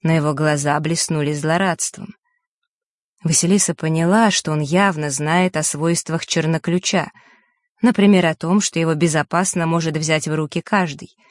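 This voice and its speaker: Steady, dry audiobook narrator. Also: mid-range voice, moderate pace, no room sound. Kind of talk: scripted narration.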